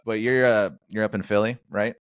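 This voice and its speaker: A man's voice: fairly low pitch, fairly even intonation, a little fast, clear, resonant tone. A man hosting a podcast, chatting casually with lots of jokes, fillers and restarts. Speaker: podcast host. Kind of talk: casual interview chat.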